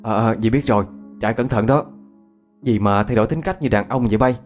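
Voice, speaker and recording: A man's voice: lowish voice, brisk, darkish tone, soft background music, close to an everyday voice. A man with a Southern Vietnamese accent voicing a fussy middle-aged aunt who scolds and exclaims, in a spoken ghost story. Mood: scolding.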